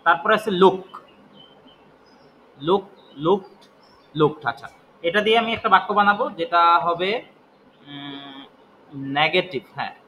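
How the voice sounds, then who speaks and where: A man's voice: on the high side, measured pace, pauses often, pushed and bright, a little hiss or hum, poor audio. A man teaching English grammar, explaining step by step and asking and answering his own questions. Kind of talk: spoken grammar lesson.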